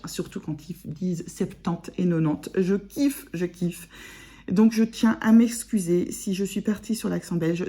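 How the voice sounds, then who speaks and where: Slow, mellow-voiced chatty French woman. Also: medium pitch. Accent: northern French. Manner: chatty, self-mocking, laughs often. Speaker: vlogger. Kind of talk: casual chat to camera.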